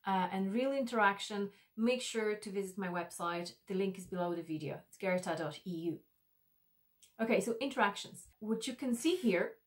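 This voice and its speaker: In a small decorated studio room indoors, a female e-learning designer walks through a tool for the camera, speaking with care and measure and frequently filling pauses with "uh." Her pitch is medium, and the camera frames her at her desk in a mid shot.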